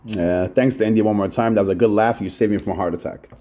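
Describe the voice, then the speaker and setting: A man's voice: on the low side, steady tone, fast, mellow. Rambling, profane New man. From Long Island, New York. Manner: profane, rambling, repeats himself, says "yo" often. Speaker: channel host. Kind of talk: rambling solo monologue.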